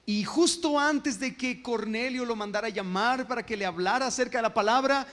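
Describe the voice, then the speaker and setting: A man's voice: very high-pitched, brisk, fairly bright tone, big-room sound. A male pastor preaching a sermon, often stopping to ask his congregation questions. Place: church sanctuary.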